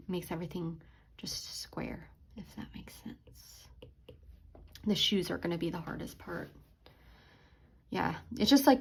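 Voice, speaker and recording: A young woman telling a story while she draws, speaking softly and hesitantly, with many fillers and restarts. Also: on the low side, vocal fry. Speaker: art vlogger. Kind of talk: casual storytime while drawing. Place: at home drawing.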